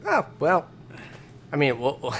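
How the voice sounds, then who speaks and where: A man's voice: fairly high pitch, huge pitch swings, unhurried, a bit bright, slight background noise. Chatty man co-hosting a flight sim video. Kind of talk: casual chat.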